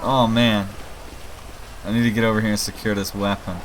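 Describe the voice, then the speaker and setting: Speaking fairly quickly in a fairly low voice with little variation in pitch, this mod maker and gaming host narrates a laid-back let's play, musing aloud to his audience. The game's rain, traffic and city sounds are clearly audible.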